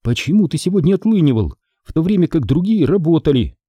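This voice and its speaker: A woman's voice: low voice, sing-song, fast, breathy edge, no echo, dull audio, voice pushed up, heavily acted. A man reading a novel aloud and voicing a frightened, stubborn young woman in a raised, tense voice. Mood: firm. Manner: tense, breathless, insistent.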